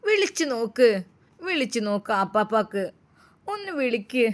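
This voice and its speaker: A woman voicing a small girl who insists and comforts in a high, childlike voice. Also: big pitch swings, moderate pace. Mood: insistent.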